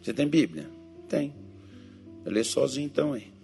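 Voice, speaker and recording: A man's voice: medium pitch, sing-song, moderate pace, gravelly, dark tone, faint music behind. A man preaching a joking sermon as pastor, teasing his congregation and acting out Bible figures and churchgoers in different voices.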